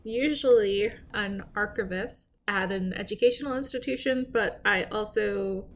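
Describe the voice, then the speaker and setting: Dry-humored woman guest with a gravelly edge. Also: mid-range voice, moderate pace. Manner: dry, matter-of-fact explaining. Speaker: podcast guest and co-editor. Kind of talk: casual chat.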